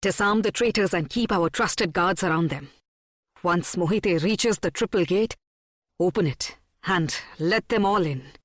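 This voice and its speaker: A woman's voice: on the low side, unhurried, no echo, clean studio sound. A woman reading the part of a stern young male prince in an audiobook, giving cold, clipped orders. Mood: commanding.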